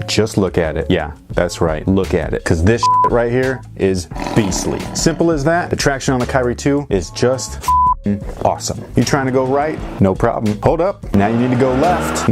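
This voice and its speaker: A man with a lowish voice runs through a basketball shoe review in a relaxed, joking way and swears freely. His delivery is energetic and casual, with soft music under him.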